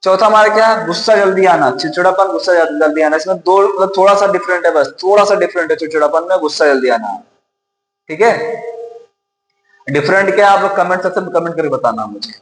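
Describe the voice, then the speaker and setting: A man's voice: sits high, quick pace, a little hiss or hum. A man teaching a lesson, repeating key points and asking and answering his own questions. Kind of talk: classroom-style lecture. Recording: roomy echo with long reverb.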